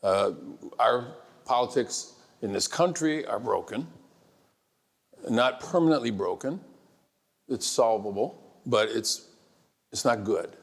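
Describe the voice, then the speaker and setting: A man on a panel, speaking in a measured, frank way with some restarts. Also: medium pitch, animated, vocal fry. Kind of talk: panel discussion. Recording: echoey hall with long reverb.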